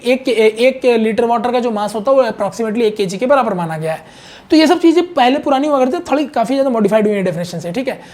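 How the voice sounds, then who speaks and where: In an online chemistry lesson, a man with a very high-pitched, darkish voice explains the material conversationally and repetitively, checking in with his students often.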